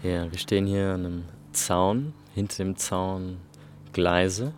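Sex: man. Role: field reporter. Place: outdoors on an industrial site. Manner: slow, deliberate. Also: low-pitched, fairly even intonation, noisy background.

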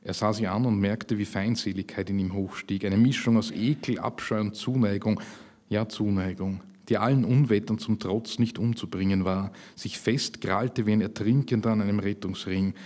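Man, author reading, literary event, measured pace, lowish voice. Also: steady tone, a little mellow. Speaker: author reading his own fiction. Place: public reading at a literary festival.

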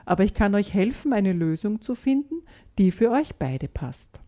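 A woman reading a story aloud and voicing a gentle, patient father of two small children in a soft, quiet voice. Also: mid-range voice, very animated, normal speed, close to an everyday voice.

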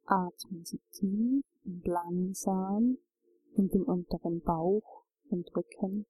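A woman narrating a guided relaxation journey, giving calm, soothing instructions. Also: medium pitch, takes it slowly, slightly rough, dry recording, soft background music, rough recording.

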